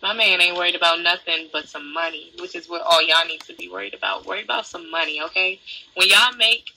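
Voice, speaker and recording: A woman's voice: fairly low pitch, fairly quick, pushed and bright, slight background noise, poor audio. A young woman hosting a casual livestream, brash and boastful, swearing freely. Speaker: livestream host.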